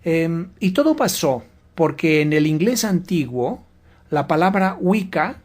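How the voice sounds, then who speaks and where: A man speaks slowly and deliberately. He sounds like a guest lecturing on a religious radio program, laying out each point in a measured way. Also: a little high, very animated, darkish tone. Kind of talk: slow explanatory religious radio talk.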